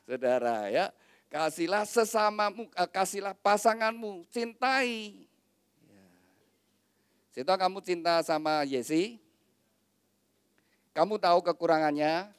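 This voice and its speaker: A man's voice: fairly high pitch, clean tone, dry recording. A middle-aged man, a pastor giving a wedding sermon and making joking asides to the couple.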